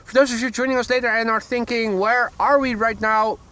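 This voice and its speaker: Commentating live from a field near a runway, a Dutch-accented plane spotting livestream host talks in a very high, sharp voice with fairly even intonation and a brisk pace. He's chatty, corrects himself along the way, and slips in dry jokes. The recording carries faint outdoor noise, including vehicles.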